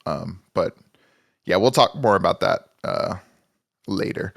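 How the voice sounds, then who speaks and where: A man's voice: sits low, measured pace, creaky, fairly bright tone, no room sound, clean studio sound. A man co-hosting a music podcast in casual chat, joking and self-mocking, rambling with restarts. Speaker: podcast co-host.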